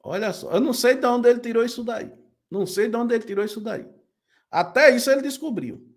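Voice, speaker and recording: A man's voice: very high-pitched, expressive, fast. A man hosting a video channel, reacting with incredulous, mocking commentary. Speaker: channel host.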